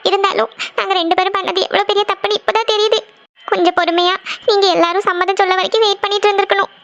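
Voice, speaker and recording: A woman's voice: high voice, fairly even intonation, fast talker, highs cut off, lightly acted. A woman voicing a young, tearful, sweet daughter-in-law in a cartoon, pleading and apologetic. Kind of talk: cartoon voice acting.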